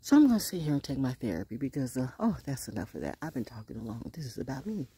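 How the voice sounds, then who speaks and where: A woman's voice: rumbling low, sing-song, quick pace, mellow, husky, no echo. A woman in her sixties giving a sassy, profane vlog monologue outdoors in the woods, speaking into a phone held close at arm's length, with whispered asides. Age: 60s. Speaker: vlogger. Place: outdoors on a wooden deck in woods.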